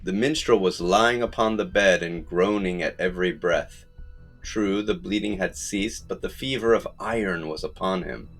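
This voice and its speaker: A man narrating a folktale audiobook in a measured storytelling manner. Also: deep voice, a bit bright, faint music behind. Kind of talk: scripted narration.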